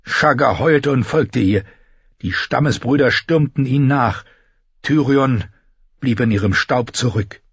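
Male audiobook narrator, husky timbre, measured dramatic delivery, dull lo-fi recording. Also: medium pitch, dry recording. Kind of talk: scripted fantasy audiobook narration. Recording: slightly dull lo-fi dry recording.

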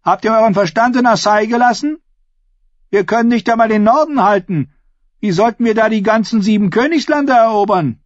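A man voicing a defiant young woman captain in an audiobook, raising his voice high and sounding scornful. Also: expressive, brisk, dry recording, highs cut off. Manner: scornful, mocking.

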